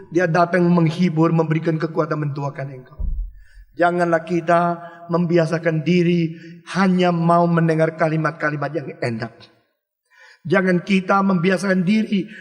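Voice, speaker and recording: An older man preaching a stern, emphatic sermon, asking the congregation rhetorical questions and swinging between loud outbursts and hushed low phrases. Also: long reverb tail. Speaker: pastor.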